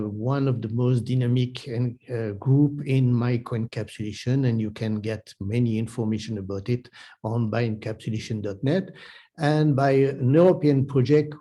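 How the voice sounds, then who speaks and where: A man's voice: mid-range voice, warm tone. A man with a delivery, introducing an online webinar and speaker as moderator, hesitant with many restarts.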